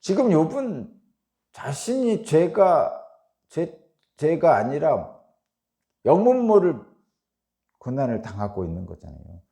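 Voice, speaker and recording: A male pastor gives a dawn-service sermon in a warm, gravelly voice. His pitch swings widely as he keeps asking his listeners questions. When he reads scripture aloud, he lifts it with rising emphasis. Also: big pitch swings, slow, long pauses. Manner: conversational preaching with rhetorical questions.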